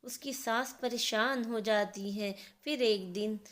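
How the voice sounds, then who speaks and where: Woman, storyteller, scripted narration, even delivery, high voice. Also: takes it slowly.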